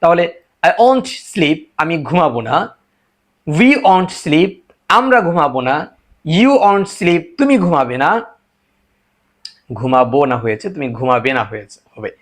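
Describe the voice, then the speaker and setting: A man teaching a spoken English lesson, a Bengali speaker who repeats example sentences slowly and translates each one. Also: a little high, sing-song.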